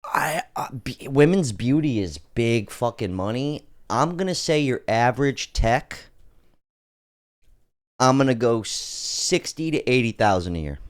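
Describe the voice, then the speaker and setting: A man hosting a casual podcast, reacting to clips with loud, laughing, profane banter. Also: medium pitch, lively intonation, measured pace. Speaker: podcast host.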